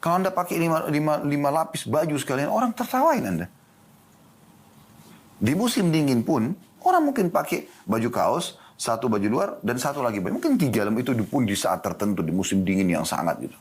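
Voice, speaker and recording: An Islamic preacher with a medium-pitched, slightly breathy voice talks a little quickly during a studio lecture. He engages listeners in a lively way, raising questions and responding to them himself.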